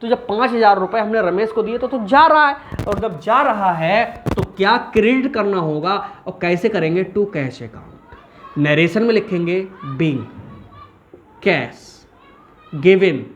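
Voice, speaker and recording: A man's voice: sits high, expressive, slow, a bit bright, slight background noise. Chatty male commerce teacher quizzing himself. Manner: chatty, asks and answers his own questions. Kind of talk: whiteboard accounting lesson.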